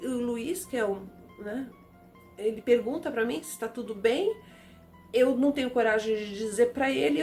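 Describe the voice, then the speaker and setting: A woman's voice: sits high, darkish tone. A woman retelling a ghost story in a casual, hesitant way, repeating words and using many fillers as she searches for the next phrase. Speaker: storyteller host.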